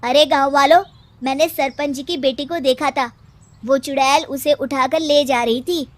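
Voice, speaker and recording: A woman voicing an excited young village man who speaks with urgent alarm. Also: high voice, normal speed, dry recording, natural voice. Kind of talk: cartoon voice acting.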